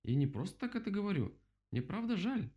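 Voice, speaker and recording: A man voicing an anxious, timid little rabbit in a storybook reading, in a high, worried voice. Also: sing-song, fairly quick, lo-fi sound, exaggerated voice. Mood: eager.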